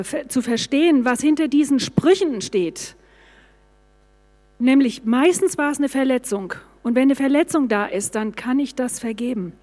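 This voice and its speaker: A middle-aged woman giving a personal testimony to a congregation, telling her story in a lively way and acting out the dialogue. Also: sits high. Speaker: church speaker giving a testimony. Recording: reverberant hall sound.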